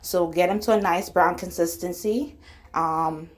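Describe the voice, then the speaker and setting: A woman's voice: on the low side, fairly even intonation, a little slow. A woman with an Antiguan accent giving a casual, chatty cooking tutorial as the host of her channel. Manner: informal, chatty, instructional.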